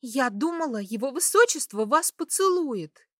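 An eager young maid who exclaims with excitement, as a woman narrator voices her. Her lines jump upward in pitch. The recording is close and dry. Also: moderate pace, dry recording. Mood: excited.

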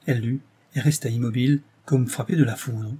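A man narrating a novel as an audiobook in a measured, even storytelling manner. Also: medium pitch, breathy edge.

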